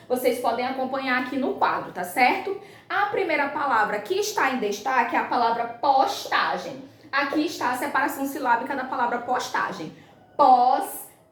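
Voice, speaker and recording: A woman teaching a class of young schoolchildren, patient and slow, spelling words out clearly and checking in with the pupils. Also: sits high, a bit bright, reverberant. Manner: patient, slow and clear, ends phrases with "tá bom?". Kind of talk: recorded remote class lesson.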